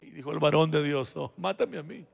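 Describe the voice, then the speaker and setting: High, gravelly, fiery preacher man. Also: expressive, brisk. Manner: swings between shouted exhortation and quiet, intimate asides; addresses the congregation directly and personally. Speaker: pastor. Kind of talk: sermon. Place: church sanctuary.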